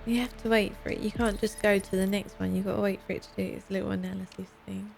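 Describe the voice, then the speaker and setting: A woman's voice: mid-range voice, level tone, quick pace, creaky, darkish tone. A woman co-hosting a let's play with her husband, chatting casually and giggling at his jokes. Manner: amused, giggly asides. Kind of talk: casual gameplay chat. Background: game music.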